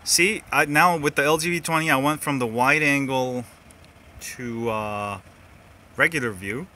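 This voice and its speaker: A tech live-streamer holds his phone and chats loosely with viewers, answering questions about phones and whatever else comes up, partly while walking outdoors. His mid-range voice is bright and forceful at a measured pace, and his talk rambles with restarts and asides.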